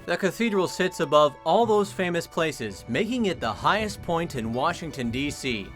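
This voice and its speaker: A man's voice: on the high side, animated, normal speed, a bit bright. An American man working as a reporter, narrating a scripted television news feature. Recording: music behind the voice. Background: music bed.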